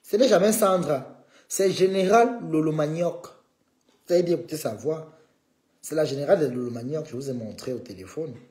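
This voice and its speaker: A man's voice: a little high, fairly quick, darkish tone, echoey room. A man hosting a live stream, needling a rival and calling on his viewers in a combative way.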